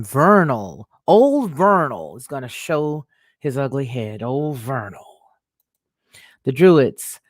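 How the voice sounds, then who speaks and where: A host on a livestream rambles along, restarting sentences and thinking out loud. They read out viewer comments and answer with quick yeses and mm-hmms. The voice sits at an ordinary mid pitch and sounds close and dry, with no room around it. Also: no echo. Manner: talks back to chat with quick affirmations. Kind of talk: casual livestream talk, reading viewer comments aloud.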